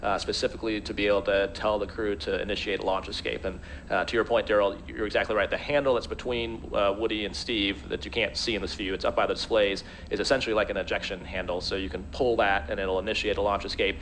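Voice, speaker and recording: A man's voice: fairly low pitch, level tone, fast talker, fairly bright tone. A man giving live expert commentary in a conversational, explanatory way. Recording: faint background noise.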